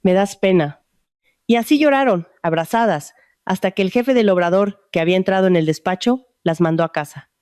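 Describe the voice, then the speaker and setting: A woman narrating a dramatic story in a measured, even storytelling manner. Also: medium pitch, clean tone, dry recording, clean studio sound.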